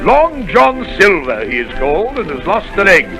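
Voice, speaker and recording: A blustering country squire in an old radio play, his voice high and swooping wildly as he boasts. There is a gravelly edge to his exclamations, with orchestral music underneath. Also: normal speed, rough recording. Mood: excited. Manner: excitable, exclaiming, theatrical. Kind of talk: 1930s radio drama acting.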